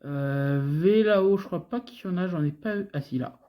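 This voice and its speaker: A woman from France with a French accent chats casually with viewers while scratching lottery tickets for her video, narrating play by play. Her fairly low voice has a dark tone and moves at normal speed. She talks to the audience throughout, repeating letters in sing-song runs.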